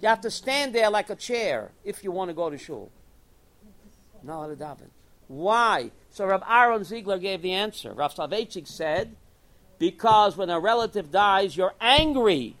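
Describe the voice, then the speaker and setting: A man teaching a religious class, animated, repeating his points and asking and answering his own questions. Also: sits high, normal speed.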